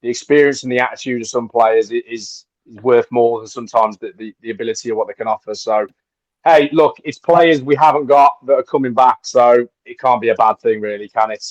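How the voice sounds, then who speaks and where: A man's voice: medium pitch, fairly quick, no room sound. Man hosting a fan podcast, dull dry sound. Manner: relaxed, hands out questions to panel. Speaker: podcast host. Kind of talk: casual football podcast chat.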